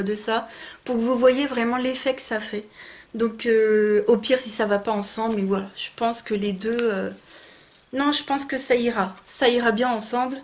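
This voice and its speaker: A woman in her twenties chatting casually and effusively in a beauty haul video, with many fillers and restarts. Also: a little high. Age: 20s. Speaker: beauty vlogger.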